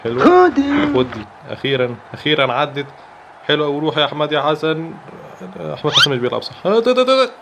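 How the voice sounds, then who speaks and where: A young man with an Egyptian Arabic accent giving excitable live commentary over football gameplay, breaking into rapid repeated cries. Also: a little high, vocal fry, background noise. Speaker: gaming YouTuber.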